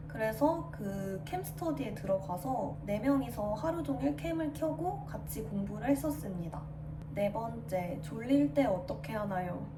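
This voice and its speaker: A woman in her twenties, a pharmacy student, answering viewer questions in a friendly, even way in her new apartment. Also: fairly high pitch, reverberant, distant mic, noisy background. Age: 20s. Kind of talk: casual Q&A monologue.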